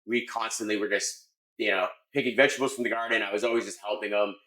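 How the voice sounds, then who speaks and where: A middle-aged American man, a chef, explaining his cooking in a casual, halting conversational way. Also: on the low side, steady tone, bright, forceful tone. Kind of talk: casual cooking demonstration and chat. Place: restaurant kitchen. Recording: echoey kitchen room sound.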